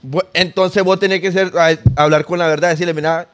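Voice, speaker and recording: Fast-talking high-voiced podcast man. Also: fairly even intonation, fairly bright tone, clean tone. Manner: gives advice, addresses others with vos. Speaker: podcast co-host. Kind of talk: casual chat.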